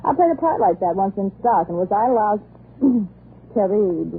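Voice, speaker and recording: A woman's voice: medium pitch, lively intonation, normal speed, close to an everyday voice. A woman playing a brazen young Hollywood actress in an old radio drama. She taunts and wisecracks in a slangy drawl. The sound is thin and phone-like, with a faint hiss beneath it. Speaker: fading Hollywood film actress. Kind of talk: 1940s radio acting. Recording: thin, hissy vintage radio broadcast.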